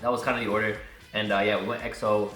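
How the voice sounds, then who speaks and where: Fast-talking man in an echoey basement. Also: lowish voice, faint music behind. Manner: excited, quick explaining. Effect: echoey basement reverb. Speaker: guest card player. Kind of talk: casual deck breakdown. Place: home basement, indoors. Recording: roomy basement echo.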